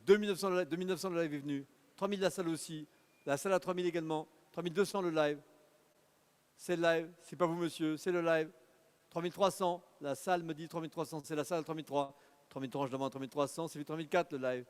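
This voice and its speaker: A man's voice: a little high, fairly even intonation, smooth. A man working as an auctioneer, calling bids in a rhythmic, urging patter at a live car auction in an auction hall. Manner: rapid rhythmic bid calling, urging bidders. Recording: long hall reverb.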